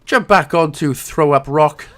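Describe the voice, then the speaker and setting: A man's voice: a little high, unhurried. A man, ill with a cough, giving a casual, jokey commentary over a game walkthrough. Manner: jokey, animated, self-mocking asides.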